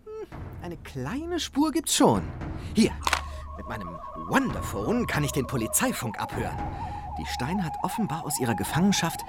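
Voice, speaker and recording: A pushy wannabe sidekick. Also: male voice, a little high, huge pitch swings, normal speed, heavy background noise. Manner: whiny, wheedling. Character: pushy eager ex-colleague man, wannabe sidekick. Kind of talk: radio drama acting.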